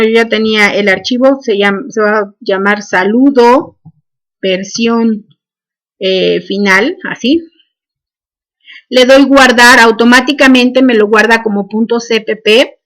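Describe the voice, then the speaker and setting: A woman's voice: on the high side, fairly bright tone. A woman, teaching a programming class and dictating each step with "este" fillers. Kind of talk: screen-recorded coding lesson.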